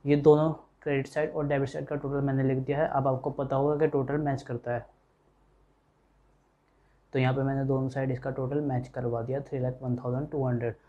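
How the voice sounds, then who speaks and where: A man's voice: mid-range voice, flat delivery, brisk, mellow, lo-fi sound. Man teaching accounts, step by step. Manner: explains step by step, voicing students' questions. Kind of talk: classroom lecture.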